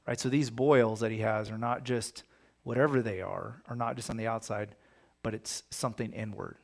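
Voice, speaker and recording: Gravelly man teaching a Bible study. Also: on the low side, steady tone, moderate pace. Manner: conversational, reads scripture aloud with emphasis. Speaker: pastor.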